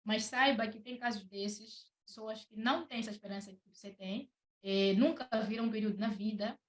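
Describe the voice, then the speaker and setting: In an echoey room, a young podcast guest with a Mozambican Portuguese accent casually recounts a personal testimony, hesitating and repeating herself. She speaks briskly in a mid-range voice.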